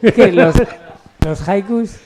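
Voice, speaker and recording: A man's voice: sits high, takes it slowly, a little mellow. A man explains things informally as a guest author, checking in with tag questions. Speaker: author at his book presentation. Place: live book presentation.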